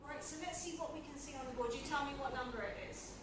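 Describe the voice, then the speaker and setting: A woman teacher leading young children through counting and shapes, encouraging and praising them, speaking slowly and clearly. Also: sits high. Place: classroom. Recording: roomy classroom recording from a distant mic. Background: classroom noise.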